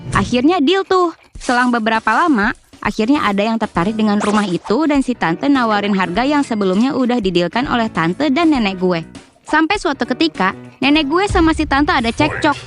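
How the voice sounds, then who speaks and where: A woman's voice: fairly high pitch, animated, fairly quick, faint music behind. A woman narrating a family story in a chatty, slangy way, talking straight to her viewers. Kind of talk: casual storytime narration over mukbang video. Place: voice-over.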